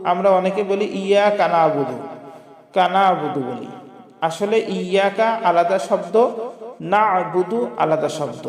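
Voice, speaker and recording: A man with a high voice leads a word-by-word recitation lesson, chanting each phrase slowly and then explaining it quickly and patiently. The recording is roomy, with a long reverb trailing behind every line. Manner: patient, corrects common mistakes. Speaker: Quran recitation teacher. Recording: echoey room with long reverb.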